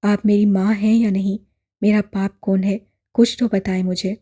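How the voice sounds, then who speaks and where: A woman voicing a distraught young man who pleads and shouts in despair, in an audiobook drama. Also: mid-range voice, flat delivery, a little slow, husky. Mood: desperate.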